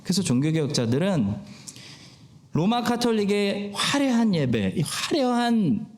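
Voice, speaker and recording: A man preaching a Sunday sermon in a fairly high voice that rises and falls a lot. He explains step by step and puts rhetorical questions to the congregation. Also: big pitch swings, a little slow. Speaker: pastor. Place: church sanctuary.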